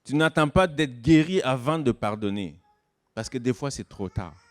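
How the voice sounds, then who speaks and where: A man preaches a sermon to an online congregation. His delivery rises into slow, stressed phrases and then falls away into quiet, low remarks. He is mid-pitched and speaks in a measured way. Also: animated. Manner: dynamic preaching, swings from loud emphasis to soft low asides. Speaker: guest pastor. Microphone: online church service recording.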